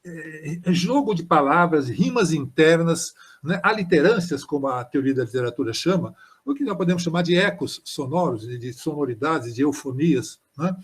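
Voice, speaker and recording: An older man, a poet, explaining poems in an informal live-streamed talk, reading verses slowly with frequent hesitations. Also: on the high side, animated, husky. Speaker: poet and author presenting his book. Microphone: live stream microphone.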